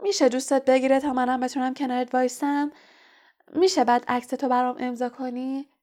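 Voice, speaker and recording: A tiny, eager schoolboy from a storybook, pleading and quick with a thin, sharp voice, as a woman reading gives him a raised pitch. He sounds young and earnest. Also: lively intonation.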